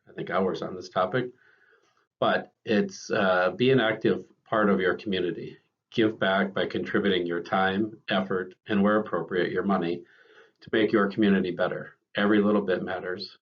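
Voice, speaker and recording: A very low-voiced man speaks with a scratchy throat left over from a cold, talking loosely to his team and circling back with ums and false starts. The recording is dull and lo-fi. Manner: casual, unscripted, many ums and restarts. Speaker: bank leader addressing staff. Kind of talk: informal staff talk.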